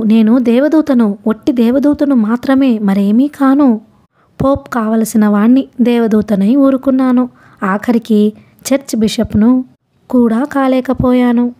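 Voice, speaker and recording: Rambling old hermit man, mad and grandiose, fawning and boastful, raised mellow voice, storybook figure, put on by a woman narrator. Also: a little high, lightly acted. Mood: bitter.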